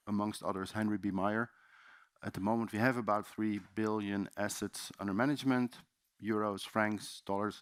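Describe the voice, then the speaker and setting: A man from the Netherlands with a Dutch accent gives a loose, chatty seminar presentation in a conference room, full of fillers and restarts. His voice is lowish and the recording is dry.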